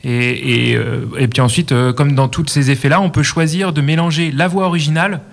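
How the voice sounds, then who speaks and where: A man's voice: a little high, fairly even intonation, brisk, gravelly. A man co-hosting a casual live radio show, explaining audio effects with many hesitations and fillers.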